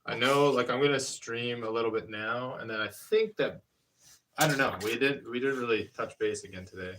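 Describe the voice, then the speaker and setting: A mid-range, slightly bright male voice speaks at a moderate pace, with a little background noise and a distant pickup. The man, in his thirties, chats on a live stream at his pottery wheel, hesitantly rambling through each hands-on step.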